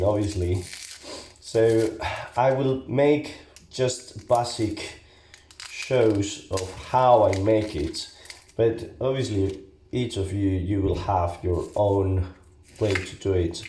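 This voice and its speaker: A man with a Basque accent and non-native English gives a casual, halting, step-by-step cooking tutorial as an amateur home cook. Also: lowish voice, dark tone. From Basque Country. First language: not English. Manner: halting, step-by-step, often checking with "okay?". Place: home kitchen, indoors. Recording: echoey room, background hiss and clicks.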